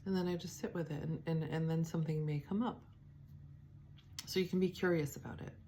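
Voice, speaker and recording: A woman giving a spiritual teaching, speaking softly and reflectively, with pauses, fillers and restarts. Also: deep voice, fairly even intonation, a little hiss or hum. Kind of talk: devotional teaching talk.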